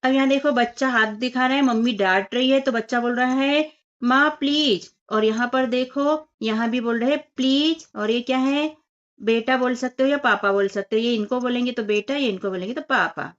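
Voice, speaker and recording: Female teacher, patient step-by-step children's lesson, slightly high voice, muffled recording. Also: normal speed. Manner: patient, explains step by step, addresses children as 'बच्चों' and 'बेटा'. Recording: dull lo-fi voice recording.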